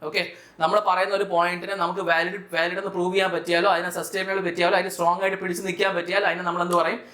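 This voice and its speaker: A man's voice: high-pitched, little pitch movement, very fast, pushed and bright. A man with a Malayali Indian accent teaching vocabulary in a didactic way, explaining step by step and checking understanding with questions. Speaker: vocabulary teacher for exam students. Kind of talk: explanatory lesson, mixing English terms into speech. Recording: echoey room.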